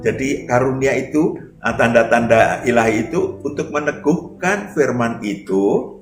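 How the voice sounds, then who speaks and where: Male preacher, emphatic and animated; roomy church sound with faint music. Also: mid-range voice, a little slow. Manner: emphatic, repeats scripture lines after the reader. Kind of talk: sermon.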